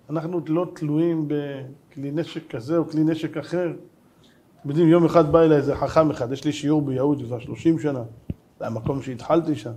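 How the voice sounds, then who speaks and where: A middle-aged rabbi preaching a lesson, animated and joking, with many rhetorical questions. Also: male voice, a little high. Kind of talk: sermon.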